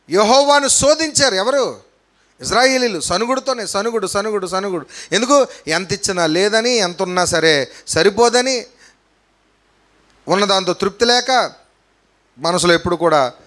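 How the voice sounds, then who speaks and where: A male pastor preaching a sermon with emphasis, swinging between loud and soft and putting rhetorical questions to the congregation. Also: high-pitched, expressive, normal speed, long pauses.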